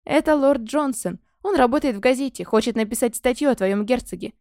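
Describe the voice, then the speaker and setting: A woman's voice: a little high, a little fast, darkish tone, dry recording, studio quality, natural voice. A woman voicing a scheming young noblewoman in a storybook, pushy and insinuating. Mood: coaxing.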